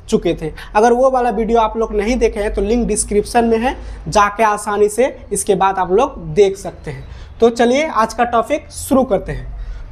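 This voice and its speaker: A woman's voice: a little high, a little mellow. A woman teacher giving a grammar lesson at a whiteboard, repeating each definition and asking rhetorical questions that she answers herself.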